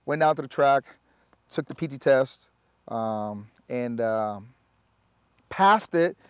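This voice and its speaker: Relaxed man, dry sound. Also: medium pitch, clear, resonant tone, dry recording. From Puerto Rico. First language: Spanish. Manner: relaxed, halting, lots of filler sounds. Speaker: army veteran guest. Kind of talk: casual interview storytelling.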